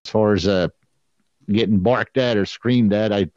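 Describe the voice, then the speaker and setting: A man from the Philadelphia area, USA, co-hosts a podcast with casual chat and laid-back storytelling, chuckling often. His voice is on the low side and darkish, with a steady tone at normal speed, in a dry, muffled recording.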